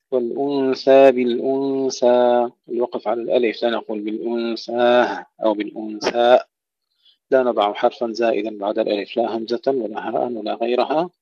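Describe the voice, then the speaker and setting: A man teaching tajweed, reciting verses slowly and then explaining the rules plainly to his listeners. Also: mid-range voice, dark tone, no echo. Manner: addresses listeners as brothers. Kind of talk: tajweed lesson with recited examples. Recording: dry, dull lo-fi recording.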